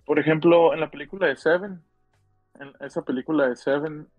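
A man's voice: fairly high pitch, fairly even intonation, brisk, no echo, soft background music. Rambling northern Mexican man, dull dry recording. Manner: rambling, repeats phrases. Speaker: podcast co-host. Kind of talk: casual slangy chat about films and music.

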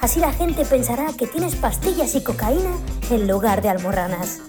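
A woman's voice: a little high, very animated, moderate pace. A woman reading a parody commercial in an upbeat, mock-salesy way. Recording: music bed under voice.

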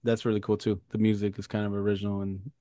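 A man's voice: lowish voice, level tone, fast, warm tone, no room sound. Rambling man in dry casual chat. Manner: rambling, filler-heavy, swears casually. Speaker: podcast co-host.

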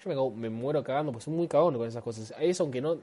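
A man's voice: medium pitch, racing, mellow. A man co-hosting a casual podcast with friends, speaking, joking and laughing often. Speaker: podcast co-host. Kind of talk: casual banter among friends.

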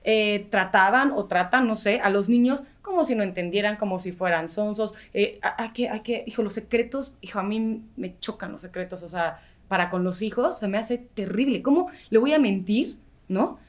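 A woman's voice: medium pitch, normal speed. Earnest middle-aged woman. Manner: earnest, reflective. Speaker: podcast guest, mother. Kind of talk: casual chat.

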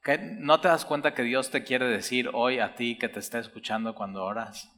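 A man's voice: mid-range voice, fairly even intonation, moderate pace, a bit bright. A man preaching a sermon, reading Bible verses aloud and explaining them while speaking straight to the listener. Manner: reads scripture aloud then explains, addresses listener directly. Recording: long hall reverb.

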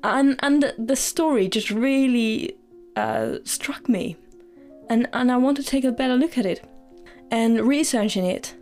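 A woman's voice: on the high side, darkish tone. A woman hosting a storytelling podcast, earnest and hesitant, with many fillers and restarts. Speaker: podcast host.

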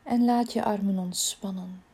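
Soft and slow, a woman talks listeners through a relaxing body scan, her voice frequently falling almost to a whisper. It is medium in pitch, husky, and fairly even in intonation, with a soothing quality.

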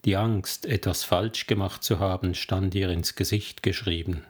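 A man narrating an audiobook novel in a measured, even storytelling manner. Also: low-pitched, breathy edge. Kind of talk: scripted narration.

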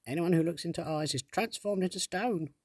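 A man voicing a tiny, fearful female fairy sprite who begs and pleads in a high voice. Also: a little fast, a little mellow, breathy edge, no echo, studio quality. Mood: pleading.

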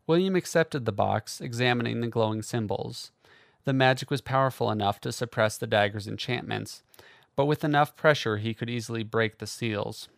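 Gravelly male audiobook narrator. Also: mid-range voice, dry recording, studio quality. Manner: steady, measured reading. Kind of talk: scripted fantasy novel narration.

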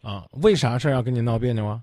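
A man's voice: mid-range voice, fast, darkish tone, dry recording, clean studio sound. A man hosting a radio call-in show, asking direct questions and steering the caller. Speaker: radio advice host.

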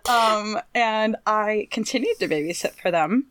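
A woman's voice: mid-range voice, expressive, unhurried, a bit bright, no echo. A woman telling stories in casual chat, laughing often and acting out quotes.

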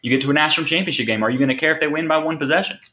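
A man's voice: a little high, rapid-fire, pushed and bright. A man hosting a sports podcast, talking casually and driving points home with rhetorical questions. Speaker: podcast host.

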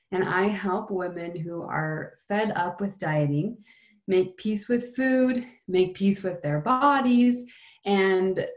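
A woman wellness coach answering interview questions as a podcast guest, with a roomy, echoing sound. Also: fairly low pitch. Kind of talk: interview answers about own work.

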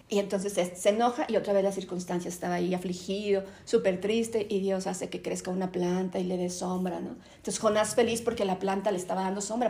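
A Mexican woman teaches a Bible class in an animated storytelling manner. Her voice has a gravelly fry running through it, and her pitch sits in the middle range for a woman. She tags her sentences with questions to her listeners.

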